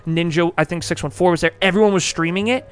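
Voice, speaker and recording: A man's voice: high voice, fairly even intonation, fast, clean tone. A young man hosting a podcast in casual chat, rambling, laughing often and swearing casually. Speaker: podcast host.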